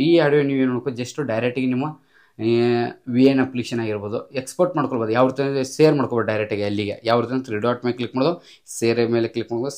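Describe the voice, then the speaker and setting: Speaking very quickly in a mid-pitched, darkish voice, a man walks viewers through a casual app tutorial. He goes step by step, repeats himself, and sprinkles in English tech vocabulary.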